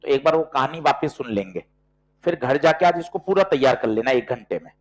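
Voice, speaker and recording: A man teaching physics to a class, working problems aloud and coaxing students with quick questions. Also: medium pitch, lively intonation, a little mellow, poor audio. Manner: brisk, coaxing, quizzes students with short questions. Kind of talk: classroom lecture with problem solving.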